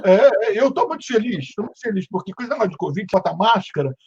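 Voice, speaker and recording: Husky high-voiced Brazilian man host. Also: lively intonation, quick pace, highs cut off. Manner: playful, acts out quotes loudly, stammers on restarts. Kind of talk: casual interview chat.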